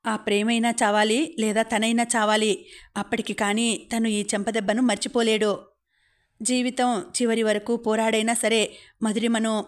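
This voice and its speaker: Woman narrating an audiobook novel, level tone. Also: fairly high pitch. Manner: steady, even reading. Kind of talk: novel reading.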